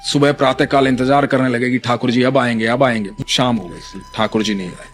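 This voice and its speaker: A man narrating a devotional story in an expressive, vivid storytelling manner. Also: mid-range voice, a little fast, soft background music.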